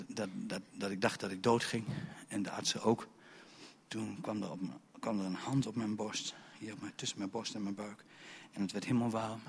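A man preaching a charismatic sermon, emphatic and repetitive, swinging between shouting and hushed whispers. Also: on the low side, slight background noise.

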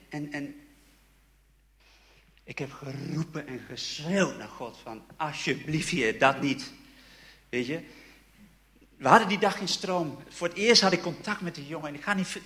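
A young man telling his personal faith testimony in an emotional, halting way, with many repeated words and restarts. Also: a little high, pushed and bright. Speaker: church member giving a testimony.

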